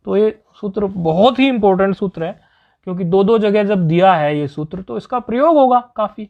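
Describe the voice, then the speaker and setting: A man's voice: high voice, lively intonation, normal speed, creaky, dull audio. A man teaching Sanskrit grammar in a patient lesson, repeating each point and checking that students follow.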